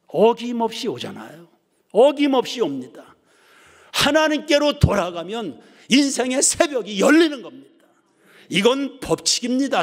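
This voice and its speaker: A male pastor preaching a sermon, swinging from ringing emphasis down to hushed near-whispers. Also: high voice. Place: church sanctuary. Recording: reverberant church hall.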